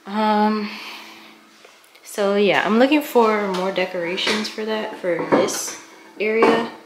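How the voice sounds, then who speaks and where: Filmed on a camera mic as she moves around her small apartment, a young woman vlogs casually to viewers while doing chores, sounding out of breath. Her mid-range voice takes things slowly, and the recording is echoey with noise.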